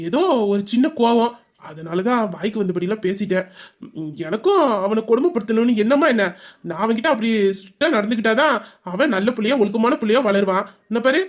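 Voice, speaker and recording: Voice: mid-range voice, natural voice. A performer voicing a stern, thrifty middle-aged father and shop owner who lectures and justifies himself to his wife. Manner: lecturing, self-justifying, persuasive. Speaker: father Sellamuthu. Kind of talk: audio drama acting.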